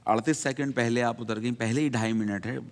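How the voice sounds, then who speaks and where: A man's voice: mid-range voice, steady tone, big-room sound. A man judging a student debate, giving fatherly, direct feedback to the young speakers. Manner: fatherly, calls students "beta", gentle but direct. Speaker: debate judge. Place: TV studio.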